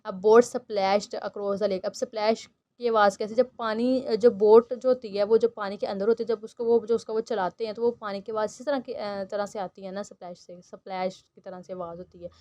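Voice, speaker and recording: A woman teaching a textbook lesson. She reads each English line slowly, then explains it at length with many fillers. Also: medium pitch, fairly even intonation, warm tone, dull audio. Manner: frequent fillers and restarts while explaining.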